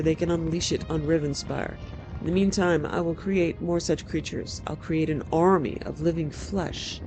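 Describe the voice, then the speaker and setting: A man acts out a cruel necromancer for a fantasy game. His voice sits fairly high, theatrical and deliberate, swollen with grandiose pride. Music plays behind him. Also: darkish tone, natural voice, low-quality recording. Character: gloating male necromancer, cruel, megalomaniac, proud of his monster. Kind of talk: dramatic villain monologue in a fantasy video game.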